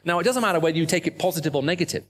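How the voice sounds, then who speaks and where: A man's voice: fairly high pitch, very fast, fairly bright tone. Middle-aged british guy preaching, emphatic, keeps asking the crowd questions, faint hum behind. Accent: British English. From raised in the Middle East. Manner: emphatic, asks the audience rhetorical questions. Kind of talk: sermon. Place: speaking to a live audience.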